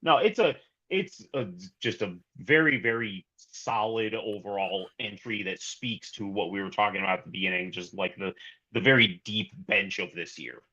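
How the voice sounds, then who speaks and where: A man co-hosting a casual film review podcast, enthusiastic and halting with restarts. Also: lowish voice, pushed and bright, muffled recording. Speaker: podcast co-host.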